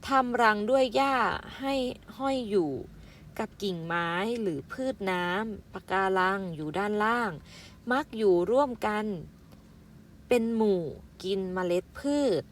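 A primary school teacher, a woman, reading out vocabulary syllable by syllable for young pupils, with gentle polite fillers and a motherly way of addressing them. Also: medium pitch. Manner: spells out words syllable by syllable and adds polite "na kha" fillers. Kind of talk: slow, careful vocabulary lesson for young children.

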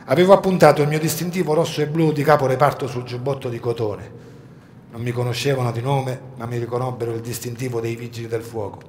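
A man performing a dramatic first-person monologue at a live outdoor show, moving between hushed low passages and urgent shouts. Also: level tone, fast, a little hiss or hum. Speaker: stage reader of a monologue. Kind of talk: theatrical first-person storytelling. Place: outdoor garden stage.

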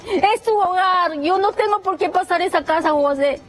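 A woman's voice: very high-pitched, moderate pace, faint music behind. A woman, a mother pleading and crying on a city street for her baby to be returned. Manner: pleading, crying, repeating herself.

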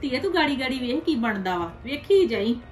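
A woman playing a meddling, sharp-tongued village aunt who gossips and scolds in a web series drama. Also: sits high, very animated, brisk, faint music behind. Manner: gossipy, scolding, ends remarks with "haiṅ?". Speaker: paternal aunt.

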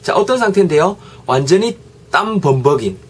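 A man with a Gyeongsang accent teaching an online English lesson, lively and repeating phrases for drills. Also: sits high, brisk, husky. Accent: Gyeongsang Korean.

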